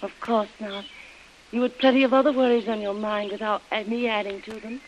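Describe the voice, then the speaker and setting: A woman with a mid-range, natural voice speaks a little fast with fairly even intonation. She plays Helen, an anxious young wife in a 1940s radio drama, earnestly recounting her ordeal in a mood of uneasy recollection. The old radio recording is muffled and noisy.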